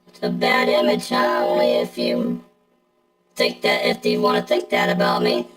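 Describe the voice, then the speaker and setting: A middle-aged streamer speaks through a robot voice effect that sits extremely low and swoops all over the place. The talk is casual and blunt, answering chat head-on. The voice rings in an echoey room with game music clearly audible underneath. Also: huge pitch swings, moderate pace. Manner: blunt, talks back to chat. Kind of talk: casual live-stream chatter.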